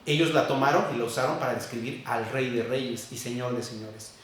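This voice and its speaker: A man preaching an expository sermon, teaching carefully and repeating key words slowly. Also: medium pitch, fairly bright tone, a little hiss or hum. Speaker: pastor. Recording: very echoey church room, distant mic.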